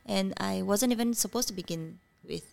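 A gravelly, mid-range voice at a moderate pace belongs to a woman in her thirties who grew up speaking Cantonese. Guesting on a podcast, she gives a candid, animated account of her childhood, peppered with fillers, in a life-story interview.

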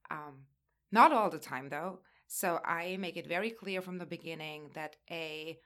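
A woman instructor who is not a native English speaker, explaining her teaching in a measured way. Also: deep voice, pushed and bright. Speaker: literature instructor. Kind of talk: panel discussion answer.

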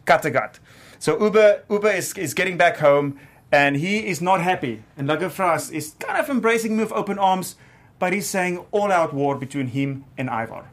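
A man hosting a casual studio panel chat, upbeat and quick. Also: high-pitched, animated. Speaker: host.

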